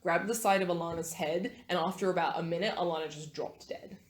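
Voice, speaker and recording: A woman's voice: on the low side, fairly even intonation, fairly quick, echoey room. A woman narrating as game master of a tabletop horror game, hesitant with many fillers.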